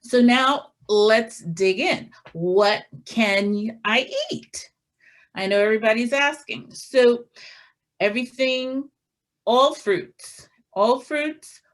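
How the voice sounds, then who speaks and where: Slow, methodical woman listing foods. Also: medium pitch. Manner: slow, listing items one by one with fillers; showing foods from her pantry. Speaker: health presenter. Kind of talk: informal health talk.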